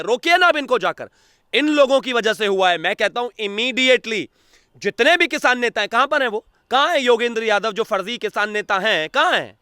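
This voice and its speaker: Male political analyst, agitated and accusatory; high, clear, dry close-mic voice. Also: sharp tone, no room sound. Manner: agitated, accusatory, rhetorical questions. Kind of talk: heated political commentary.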